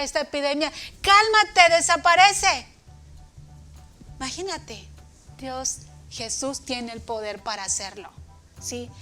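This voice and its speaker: A woman with a Latin American Spanish accent and a fairly bright tone delivers a children's sermon at church. She speaks tenderly to the kids, then booms out dramatic commands as she tells her story.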